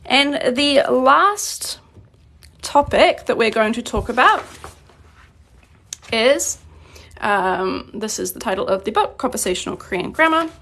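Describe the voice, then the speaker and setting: High-voiced woman teaching a language lesson. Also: lively intonation, pushed and bright. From New Zealand. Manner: clear, patient explaining, slows down on examples. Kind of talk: live-streamed grammar lesson.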